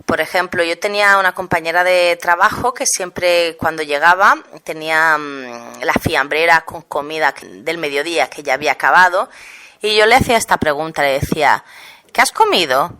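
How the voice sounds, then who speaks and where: Woman, Catalan accent, teacher, bright sharp tone, lowish voice, explains and demonstrates sounds. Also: moderate pace, smooth. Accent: Catalan Spanish. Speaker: Spanish teacher. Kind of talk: online language lesson.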